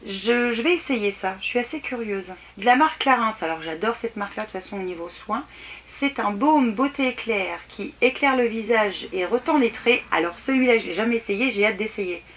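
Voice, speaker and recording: A woman's voice: mid-range voice, fairly bright tone. Chatty woman reviewing beauty samples. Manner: chatty, hesitant with many restarts and fillers. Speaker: beauty vlogger. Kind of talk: casual product unboxing review. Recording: faint background noise and clicks.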